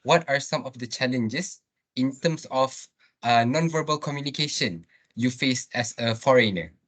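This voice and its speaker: A man's voice: medium pitch, normal speed, fairly bright tone. A student man interviewing a guest, polite and hesitant, with frequent fillers. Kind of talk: interview questions.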